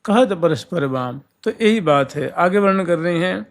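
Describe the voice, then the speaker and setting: A man's voice: high voice, animated, normal speed. A man giving a devotional discourse, explaining verses line by line and singing some lines drawn out. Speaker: devotional storyteller.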